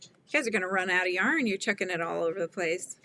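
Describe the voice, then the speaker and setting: Chatting away as she crochets, this middle-aged livestream host laughs and responds to viewer comments. She speaks quickly in a lowish voice with a sharp tone.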